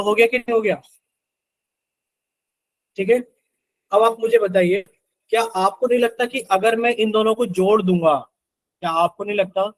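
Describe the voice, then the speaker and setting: A man's voice: high-pitched, dry recording, poor audio. A man teaching an online math class, coaxing students to answer and working sums aloud with chanted multiplication tables.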